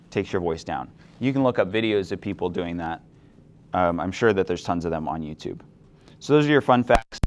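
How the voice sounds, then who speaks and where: A young man teaching a chemistry class, explaining things in a relaxed way and asking students questions. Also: low-pitched, a little hiss or hum. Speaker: chemistry instructor. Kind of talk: classroom lecture.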